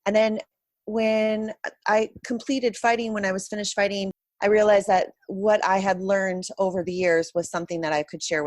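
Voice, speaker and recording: A woman's voice: fairly low pitch, no echo. A woman answering interview questions as a guest in a candid, reflective conversational way. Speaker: interview guest, self-confidence coach.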